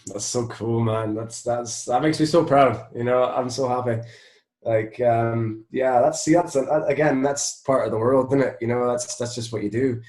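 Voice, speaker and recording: A Scottish man, a musician and voice actor, chats casually as an interview guest, rambling appreciatively and saying "you know" a lot. His voice is mid-range and somewhat dark, at a normal speed. The recording sounds roomy and echoey.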